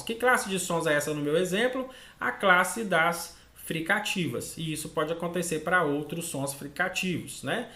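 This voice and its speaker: Bright-voiced Brazilian man teaching in an echoey room. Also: a little high. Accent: Brazilian Portuguese. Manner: explanatory, acts out child and mother dialogue, frequent "né?". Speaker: speech therapy teacher. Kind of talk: online lecture.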